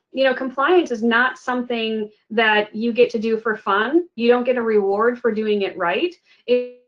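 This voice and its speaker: A woman's voice: fairly high pitch, highs cut off. A woman giving a webinar presentation in a conversational way, with frequent "you know" and "um".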